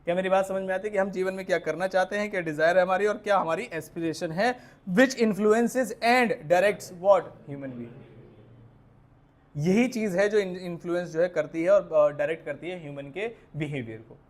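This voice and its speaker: A man's voice: sits high, a little fast. A young man teaching a class, asking students questions, repeating key points, mixing English terms into his explanations and telling stories from his own life as examples. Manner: tells personal anecdotes as examples. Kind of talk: classroom lecture.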